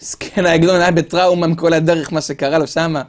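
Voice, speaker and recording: A man preaching a sermon as a dramatic story, asking the crowd rhetorical questions and swinging from loud calls to hushed tones. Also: on the high side, steady tone.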